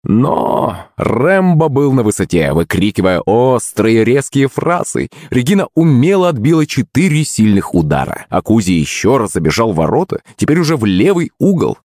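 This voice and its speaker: A man narrating a first-person story in a lively, acted way. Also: medium pitch, moderate pace, hardly any pauses, no echo, clean studio sound. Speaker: audiobook narrator.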